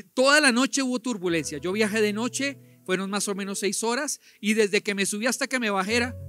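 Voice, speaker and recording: A middle-aged man preaching a sermon in a church, lively, telling stories and putting questions to the congregation. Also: sits high. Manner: animated, storytelling with acted cries and questions to the congregation. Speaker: pastor.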